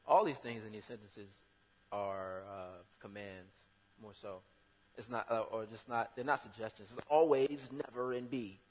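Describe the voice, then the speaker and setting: A man preaching a sermon in a conversational way, breaking into loud, emphatic bursts. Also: fairly low pitch, moderate pace. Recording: long hall reverb.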